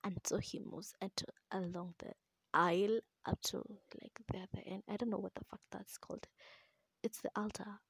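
A young woman whispers her way through a book retelling, ASMR-style, close to the mic. Her breathy whisper carries a gravelly fry and moves slowly, with casual asides and the odd swear. The sound is dry, with no room around it. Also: mid-range voice, steady tone, fairly bright tone, dry recording.

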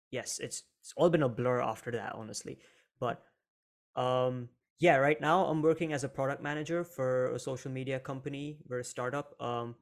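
A young man from India introduces himself on a video call. He speaks in a relaxed, unhurried way, pausing and letting his sentences trail off softly. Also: medium pitch. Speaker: panel guest. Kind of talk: casual self-introduction.

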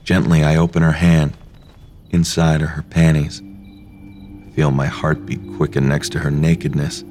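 A man narrating a first-person story in a low, hushed, intimate reading. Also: little pitch movement, measured pace, slight background noise. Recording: faint music behind.

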